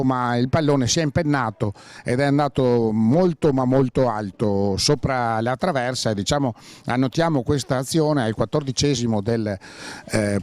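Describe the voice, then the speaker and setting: A man's voice: mid-range voice, dry recording. A man doing live play-by-play football commentary, hesitant with many fillers and rising sharply on chances.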